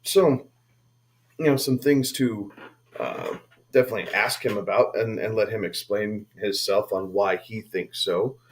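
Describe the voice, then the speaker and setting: A man's voice: fairly low pitch, unhurried, slight background noise. A man co-hosting a casual fantasy football podcast, easygoing and thinking aloud with fillers. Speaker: podcast co-host.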